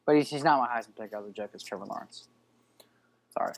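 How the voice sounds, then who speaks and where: A man's voice: medium pitch, quick pace, creaky, a little hiss or hum. A young man co-hosting a casual sports podcast, joking and playful.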